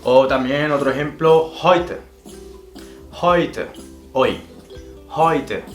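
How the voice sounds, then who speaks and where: Man teaching slow pronunciation. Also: mid-range voice. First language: Spanish. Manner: slow careful demonstration of words. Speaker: German teacher. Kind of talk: pronunciation lesson. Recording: roomy echo with faint music.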